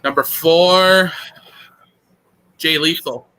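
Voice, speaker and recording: A man co-hosting a casual wrestling podcast, excitable and quick to laugh. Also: a little high, poor audio. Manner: excitable, laughs often, mimics wrestler calls. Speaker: podcast co-host. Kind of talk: casual chat.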